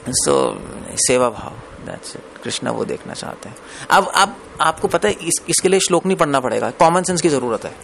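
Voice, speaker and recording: Conversational male preacher, slightly high voice. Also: lively intonation, normal speed, vocal fry, hardly any pauses, fairly bright tone, slight background noise. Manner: conversational, asks the audience questions; mixes English phrases into Hindi. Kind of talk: Hindi scripture discourse.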